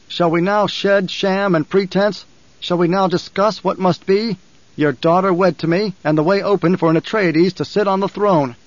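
A man voicing a composed young male leader who speaks in a measured, commanding way. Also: high-pitched, fairly even intonation, no room sound, pitched above the performer's own voice, close to an everyday voice. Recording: dull, dry studio recording.

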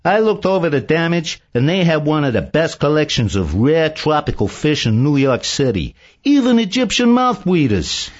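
Guy doing a chatty excited patrolman, high voice jumping all over, kinda dull lo-fi audio. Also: moderate pace, few pauses. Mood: enthusiastic. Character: eager talkative male patrolman, fish collector.

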